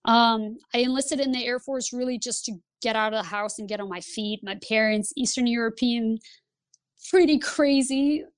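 A woman's voice: on the high side, normal speed, clear, resonant tone, no echo. Woman telling her story. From Lithuania. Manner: lively, laughs while telling stories. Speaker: guest, Air Force pilot instructor. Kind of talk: casual interview storytelling.

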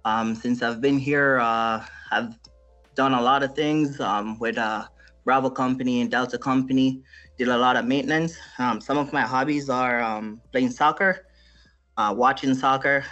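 A man's voice: mid-range voice, fairly even intonation, moderate pace, sharp tone, dull audio, soft background music. A man in his thirties from Jamaica, a soldier, introducing himself hesitantly with many fillers. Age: 30s.

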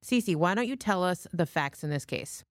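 American female podcast host, lower register, scripted legal talk, very dry recording. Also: expressive, moderate pace, no room sound. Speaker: podcast host, military lawyer.

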